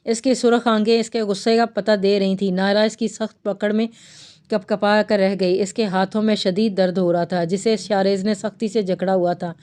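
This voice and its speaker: A woman narrating a romantic novel aloud in a steady storytelling manner. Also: medium pitch.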